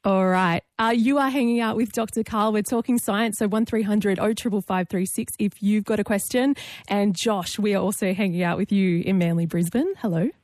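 A woman hosting a radio call-in show, brisk and upbeat as she brings in callers. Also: medium pitch, a little mellow, dry recording. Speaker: radio host.

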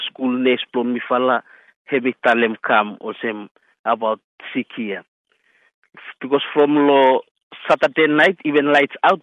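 A man's voice: medium pitch, dry recording. A man with a Solomon Islands accent speaking Solomon Islands Pidgin as an interviewee in a radio news interview. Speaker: school health committee chairman being interviewed. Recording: tinny phone-like radio line.

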